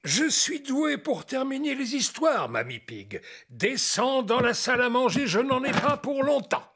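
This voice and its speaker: A man voicing an elderly grandfather pig in a preschool cartoon, grumbling but kindly, with a gravelly, husky voice and blustery delivery. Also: very high voice, big pitch swings, unhurried, a bit bright, heavily acted. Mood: self-assured.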